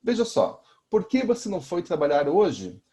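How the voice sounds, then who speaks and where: A man's voice: high voice, huge pitch swings, moderate pace, dark tone. A man with a Brazilian Portuguese accent teaching a recorded lesson, explaining step by step and often checking in with his students.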